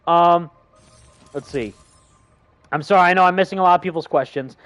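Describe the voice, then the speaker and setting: A man's voice: high voice, moderate pace, fairly bright tone, no echo, faint music behind. A young man hosting a gaming livestream, chatting casually and reading viewer comments in an enthusiastic, rambling way full of fillers. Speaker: livestream host.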